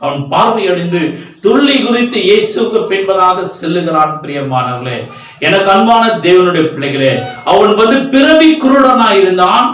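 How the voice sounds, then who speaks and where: A man's voice: high-pitched, expressive, moderate pace, a bit bright, distant mic. A man preaching a sermon, building fervent runs of repeated phrases. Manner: fervent, rising and falling emphasis. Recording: echoey hall, voice from afar.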